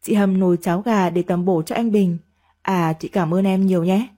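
A woman doing a meek, gentle young wife. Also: medium pitch, steady tone, normal speed, lightly acted. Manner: soft, polite and submissive.

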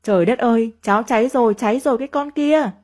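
A woman voicing a bitter elderly mother-in-law who scolds her daughter-in-law in shrill, nagging tirades. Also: expressive, fairly quick, a little mellow, natural voice. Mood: scolding.

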